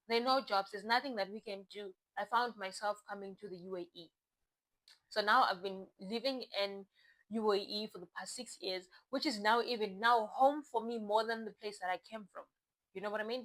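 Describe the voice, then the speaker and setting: A young woman from Zimbabwe speaks straight to her viewers in a relaxed, chatty way. Her voice sits a little high, and she often circles back to restart a phrase as she thinks. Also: rough recording. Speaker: vlogger. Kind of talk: casual talk to camera.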